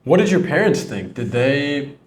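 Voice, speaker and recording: A man's voice: a little high, sing-song, normal speed. A man hosting an interview, asking curious, attentive questions and sharing his own experiences. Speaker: podcast host. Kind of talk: interview questions and casual chat. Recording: roomy echo.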